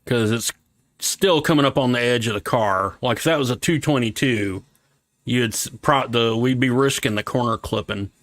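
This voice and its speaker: A man streaming himself at work, thinking aloud in a halting, casual way, with a slight lisp. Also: mid-range voice, fairly bright tone, no echo. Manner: thinking aloud, halting, talks himself through small decisions. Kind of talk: casual livestream commentary while working.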